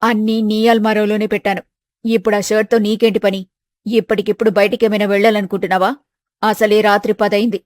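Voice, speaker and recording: Woman as a bossy mom, insistent, normal pitch, dry mic. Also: level tone, brisk, a little mellow, dry recording, natural voice. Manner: insistent, scolding. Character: middle-aged mother, bossy and determined. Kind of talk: storybook voice acting.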